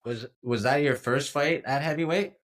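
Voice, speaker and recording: A man's voice: medium pitch, normal speed, a bit bright. Man asking friendly interview questions.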